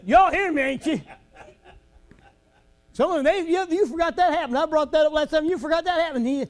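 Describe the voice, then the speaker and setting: This brisk preacher gives his congregation a down-home sermon. He laughs and jokes as he goes, and his big moments come out as shouts.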